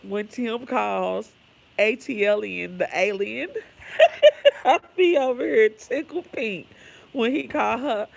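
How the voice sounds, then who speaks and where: Creaky-voiced chatty livestream host. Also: mid-range voice, slow pace. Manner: chatty, laughs often, calls viewers girl and baby; gossipy, drifts onto tangents. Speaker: livestream host reading chat. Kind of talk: casual livestream chat.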